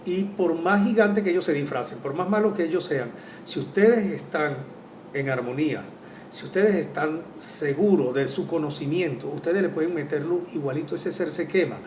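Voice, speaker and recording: A man speaking as a spiritual therapist in a casual monologue, earnest and reflective, often pausing on "eh". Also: darkish tone. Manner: earnest and reflective, with frequent "eh" hesitations. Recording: roomy echo from a distant mic, faint rumble.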